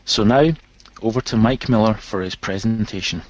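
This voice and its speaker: A man introducing a web seminar and its speaker in a formal, measured way. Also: on the low side, dry recording. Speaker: webinar host. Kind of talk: scripted introduction. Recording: dull, dry lo-fi web audio.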